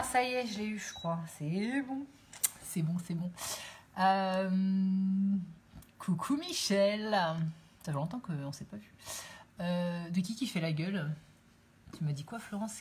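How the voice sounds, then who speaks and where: Chatting with viewers over her phone, a woman hosts an informal live cooking stream from her home kitchen and rambles with lots of fillers. Her voice is medium-pitched, with slight background noise.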